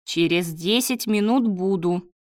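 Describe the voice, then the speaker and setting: A woman reading the part of a gruff, hungover male doctor who speaks curtly and snaps orders. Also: sits high, measured pace, no echo, clean studio sound. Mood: harried. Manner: curt, snapping orders.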